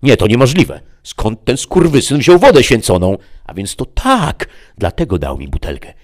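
A man's voice: mid-range voice, very animated, moderate pace, pitched above the performer's own voice. A man voicing an arrogant, vengeful male devil who sneers and threatens. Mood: furious.

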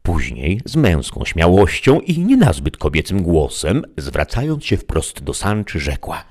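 A male narrator reads a classic novel with a low voice. His telling is measured yet lively, with a lot of rise and fall. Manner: measured, dramatic storytelling. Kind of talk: audiobook reading of a classic novel.

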